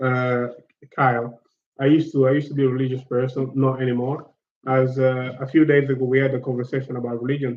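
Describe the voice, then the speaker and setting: A man from Guinea-Bissau hosts a casual chat, speaking hesitantly and reflectively and often repeating words as he searches for them and gathers his thoughts. His medium-pitched voice sits in the middle of the typical male range. The audio is dull and lo-fi, with a roomy echo surrounding him.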